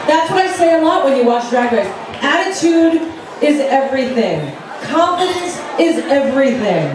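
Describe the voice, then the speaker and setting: A woman's voice: sits high, very animated, moderate pace. Casting: female talent show judge, blunt, foul-mouthed and gushing, improvised critiques, distant sound with crowd noise behind. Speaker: drag show competition judge. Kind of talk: off-the-cuff judging critique. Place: live show venue. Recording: echoey venue from far off, noisy crowd.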